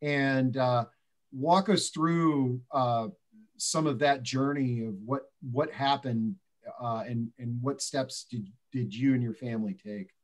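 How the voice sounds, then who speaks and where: A middle-aged man hosting a live online discussion, halting and filled with ums as he introduces guests. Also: medium pitch. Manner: halting, filler-heavy, gestures with both hands. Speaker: host and moderator. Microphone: headset on a video call.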